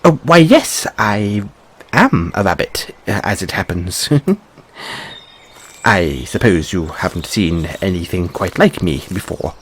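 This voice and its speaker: A man's voice: low voice, animated, slow, fairly bright tone, slight background noise, exaggerated voice. A man playing an anxious, polite, whimsical rabbit boy in a fantasy audio roleplay, with stammered, courteous, old-fashioned phrasing. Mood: polite, curious. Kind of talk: theatrical fantasy audio roleplay addressed to listener.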